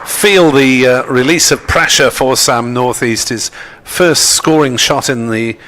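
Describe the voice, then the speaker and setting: A man giving live ball-by-ball cricket commentary in a measured, descriptive way. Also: medium pitch, fairly bright tone, slight background noise.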